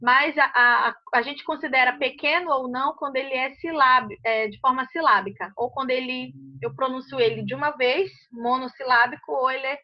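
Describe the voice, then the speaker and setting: A woman's voice: sits high, moderate pace, hardly any pauses. A woman teaching an English grammar class in Brazilian Portuguese, explaining step by step and often checking that students follow. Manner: patient, checks understanding often. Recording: muffled lo-fi audio.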